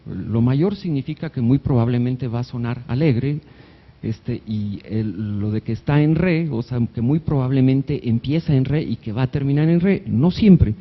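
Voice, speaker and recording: A man's voice: mid-range voice, moderate pace, husky, muffled recording. A man, a doctor, giving a conversational, jokey live lecture on music theory to an audience, now and then singing short note examples. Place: hospital event hall.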